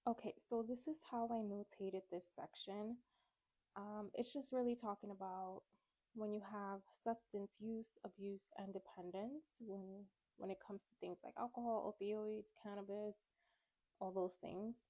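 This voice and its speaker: A young woman with a slight cold-induced congestion chats her way through medical coding guidelines, explaining each step in a casual study walkthrough. Her medium-pitched voice is warm, fairly even in intonation and measured in pace. It's recorded on a phone camera with no room sound, and the quality is low.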